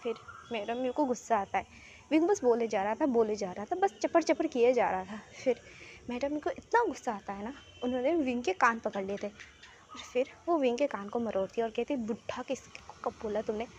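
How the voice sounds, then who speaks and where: Woman narrator, high voice, chatty storytelling with asides. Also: lively intonation, brisk, darkish tone, highs cut off, a little hiss or hum.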